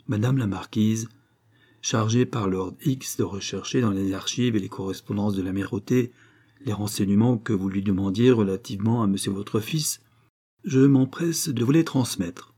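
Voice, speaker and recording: A man reading a classic novel aloud as narrator, measured and dramatic. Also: on the low side, warm tone, husky. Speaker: audiobook narrator. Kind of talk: scripted narration.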